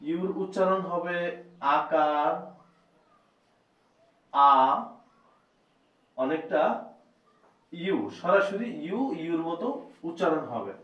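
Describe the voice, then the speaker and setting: Slow, repetitive male teacher in echoey room. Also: fairly high pitch, lively intonation. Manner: slow, repeats each point several times. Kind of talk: spoken lesson on reading letters. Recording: echoey, distant, dull lo-fi room sound.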